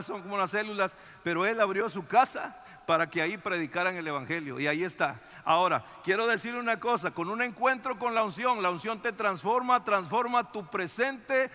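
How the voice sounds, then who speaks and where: High, bright-voiced pastor man preaching. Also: in a large hall. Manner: animated, conversational storytelling with many restarts. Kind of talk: sermon with personal story.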